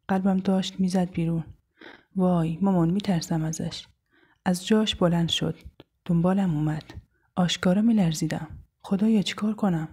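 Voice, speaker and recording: A woman's voice: fairly low pitch, dark tone, husky. A young woman narrating an audio story in the first person, in an anxious, intimate inner monologue. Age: young adult.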